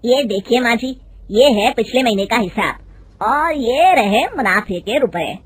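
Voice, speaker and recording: A woman voicing a polite, smooth-talking young male manager in a cartoon story. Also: on the high side, expressive, measured pace.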